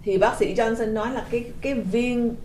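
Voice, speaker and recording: A woman's voice: a little high, steady tone, a little fast, a little mellow, slight background noise. A woman hosting a talk show, translating and explaining for her audience in a chatty way with many hesitations and repeated words. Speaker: host and interpreter.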